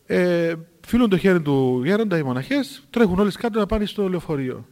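A man's voice: high-pitched, expressive, darkish tone, big-room sound. A man animatedly telling a miracle story in a sermon, acting out the dialogue as he goes.

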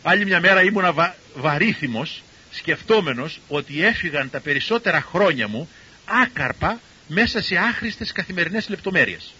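An older man, a cardiologist, tells stories to an audience in a lively way and acts out the people he quotes. His voice is husky. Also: a little high, highs cut off. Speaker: cardiologist and university professor giving a talk. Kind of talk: storytelling talk to an audience.

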